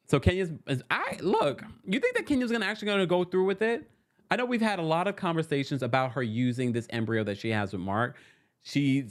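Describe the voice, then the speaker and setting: A man hosting a live-stream recap, reading fan messages aloud and riffing in a sassy, laughing way. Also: medium pitch. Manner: sassy, animated, laughs often. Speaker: recap show host.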